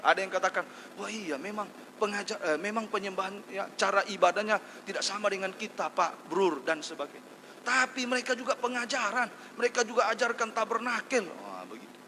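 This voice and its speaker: Male pastor, emphatic sermon delivery, bright forceful voice, long reverb in a church hall. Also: fairly high pitch, a little hiss or hum. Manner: emphatic preaching, repeats key phrases.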